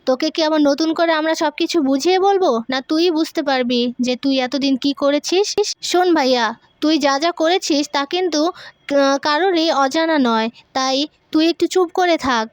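A woman's voice: high voice, normal speed, dry recording, studio quality, lightly acted. Firm sister laying down a warning, read by a woman narrator. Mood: stern. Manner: stern, warning. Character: firm young woman scolding her brother.

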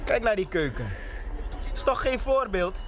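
An actor playing an angry young man who mocks and shouts at his mother in a film scene. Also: high voice, very animated, unhurried, noisy background. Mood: scornful. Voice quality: shouting, mocking.

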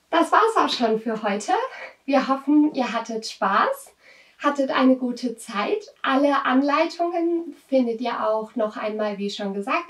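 High-voiced woman hosting a children's show. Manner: gentle, encouraging, speaks directly to children. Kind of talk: explaining crafts and rituals to children. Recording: roomy, distant microphone.

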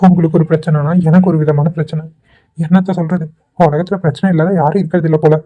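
A lightly acted, medium-pitched voice with a steady tone brings a gentle, fretful young cartoon man to life for Tweencraft. He talks quickly, anxious and pleading, clearly concerned, and the audio has its highs cut off.

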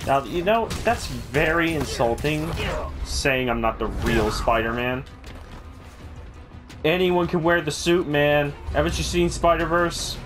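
A man doing casual, jokey let's play commentary, reacting out loud to a video game. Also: a little high, animated, measured pace. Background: video game audio and music.

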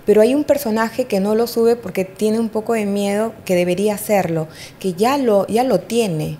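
Brief: woman psychic in an interview, mellow tone, hesitant with many fillers, faint rumble behind. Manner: hesitant, fills pauses with "eh" and "¿me entiendes?". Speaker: astrologer and psychic. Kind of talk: interview, giving psychic readings.

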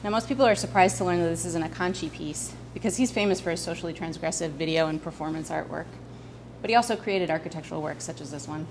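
A woman's voice: fairly low pitch, fast. A woman guiding a walking tour, explaining as she moves. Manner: friendly explanatory walking talk. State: slightly out of breath. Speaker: tour guide. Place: outdoors on a city street and inside a visitor center. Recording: noisy street ambience with traffic.

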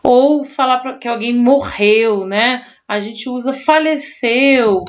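A woman's voice: on the high side, slow pace, highs cut off. A woman teacher, giving a recorded online class and explaining patiently, checking in with her students often.

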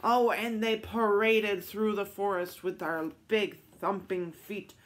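A woman reading picture books aloud at storytime, in a slow, expressive, playful way. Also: medium pitch. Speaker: storytime reader.

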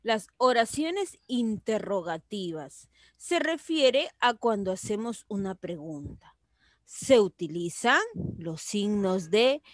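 A woman teacher, giving a virtual class to children slowly and patiently, repeating key points. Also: mid-range voice, no room sound.

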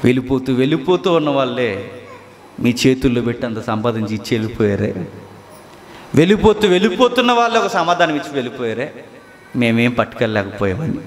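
A man preaching an emotional sermon as a pastor. He swings between loud, high exhortation and low, soft drops, and he repeats phrases and asks rhetorical questions. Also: lively intonation, fairly quick, a little hiss or hum. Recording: echoey hall reverb.

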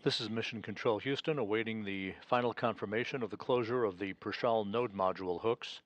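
A man's voice: on the low side, brisk, no room sound, dull audio. A man giving live broadcast commentary as a mission control announcer.

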